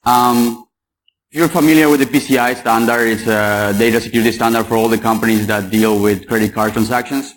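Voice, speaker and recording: A man's voice: mid-range voice, fairly even intonation, fairly quick, a little hiss or hum, rough recording. Joking man from Paraguay. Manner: joking, chatty, quizzes the audience. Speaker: conference speaker. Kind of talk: security conference talk. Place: conference hall.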